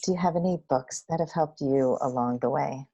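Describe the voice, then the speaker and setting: A woman's voice: a bass voice, a little fast, warm tone, slightly rough, lo-fi sound. A woman hosting a podcast interview as a coach, speaking in an earnest, reflective and supportive way. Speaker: podcast host and dating coach. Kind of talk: casual interview conversation.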